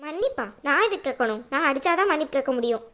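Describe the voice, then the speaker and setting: A woman voicing a young daughter-in-law, very high pitch, blunt, argumentative, cartoon. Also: expressive, very fast, sharp tone. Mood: defiant. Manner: defiant, argumentative. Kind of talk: cartoon dubbing.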